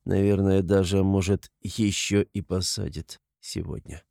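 A man playing a tormented, gloomy young man who speaks bitterly and often quietly in a storybook reading. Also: low voice, flat delivery, unhurried, gravelly, no room sound, clean studio sound.

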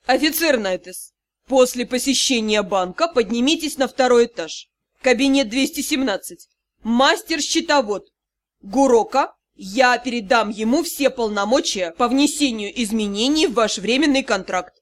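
A composed male magister , read by a woman narrator, gives measured, formal instructions. Her voice stays high for a man, close to her own reading tone. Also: lightly acted.

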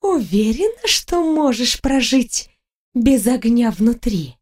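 A woman voicing a wise male fire salamander spirit who speaks in a slow, hissing, measured way. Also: on the high side, sing-song, a little mellow, full character voice.

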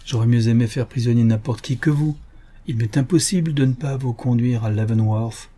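A man voicing a brisk young frontier scout who gives curt orders, in a read-aloud adventure story. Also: mid-range voice, warm tone, lightly acted. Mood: stern.

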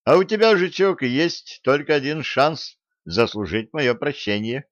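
A man's voice: medium pitch, sing-song, a little slow, dry recording, dull audio, voice pushed up. A man doing a cocky bossy young schemer. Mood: commanding. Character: young brash scheming man, royal gossip.

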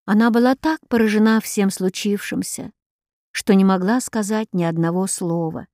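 A woman reading a story aloud as an audiobook narrator, in a measured, even manner. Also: medium pitch, dry recording, studio quality. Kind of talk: scripted narration.

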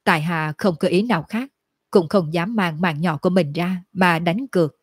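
A woman voicing a calm, cunning young male cultivator who speaks politely and composed. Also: on the low side, moderate pace, slightly rough, no echo, clean studio sound.

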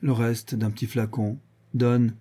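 A man's voice: medium pitch, level tone, unhurried, breathy edge. A man voicing a brutal, drunken, grandiose male villain who rants and hurls insults, in an audiobook reading. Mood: exalted. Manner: ranting, exalted, shouting insults.

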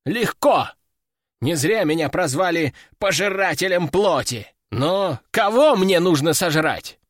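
A man's voice: sits high, expressive, measured pace, no room sound, clean studio sound. A man voicing a boastful, hungry male demon in an audiobook, snarling and mocking. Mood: cheeky. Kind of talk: audiobook character voice.

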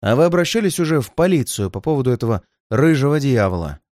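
A man's voice: mid-range voice, very animated, quick pace, dry recording, lightly acted. A man voicing a stern male detective who speaks dryly and firmly. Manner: dry and firm, sometimes gentle.

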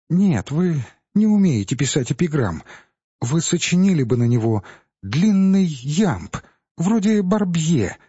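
A man's voice: mellow, husky, no echo, highs cut off, heavily acted. A man reading an audiobook, raising his voice to play a proud, commanding young princess. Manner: raised pitch, haughty and playful. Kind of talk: audiobook character voice.

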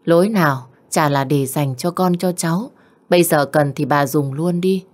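A gentle older father-in-law, read by a woman narrator, reasons softly in a low voice. He speaks, in an audiobook. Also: moderate pace, close to an everyday voice. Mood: coaxing.

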